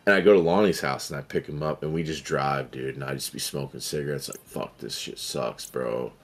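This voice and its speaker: A man's voice: a bass voice, steady tone, brisk. Profane storytelling man in his forties. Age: 40s. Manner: profane, rambling storyteller who acts out voices. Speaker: streamer. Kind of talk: casual chat while gaming.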